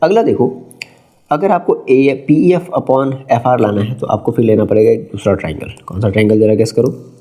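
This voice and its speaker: A man's voice: medium pitch, moderate pace, mellow. A male math teacher, explaining a geometry lesson step by step and quizzing his students. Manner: mixes Hindi with English terms.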